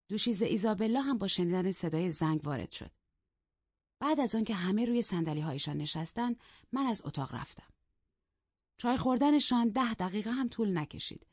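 A woman reading a novel aloud in calm, even scripted narration, in a dull, lo-fi recording. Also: medium pitch, slightly rough, no room sound. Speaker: audiobook narrator. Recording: dull lo-fi, dry.

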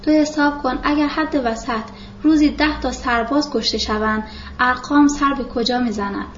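A woman's voice: high voice, distant mic, slight background noise, lightly acted. Woman voicing a wry townsman, questioning, roomy sound. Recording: roomy, dull lo-fi recording.

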